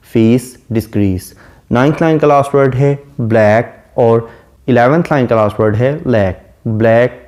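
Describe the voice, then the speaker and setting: A man with a dark, mellow voice delivers a classroom lecture on poetry. He reads English verse slowly and deliberately, then explains each line in a calm, steady teaching tone. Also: medium pitch. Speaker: literature lecturer.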